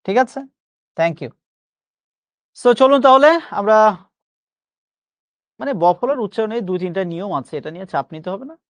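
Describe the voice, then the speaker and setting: A man's voice: high-pitched, animated, normal speed, long pauses, fairly bright tone, no room sound. A man teaching a pronunciation class online, reassuring his students and slipping English phrases into his lecture.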